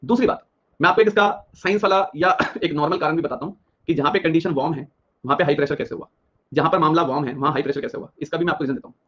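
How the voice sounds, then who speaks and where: Fast-talking man teaching a live class. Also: on the high side, a bit bright, highs cut off. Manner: drills questions, repeats answers rapidly, addresses students directly. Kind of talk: live online exam-prep geography lecture.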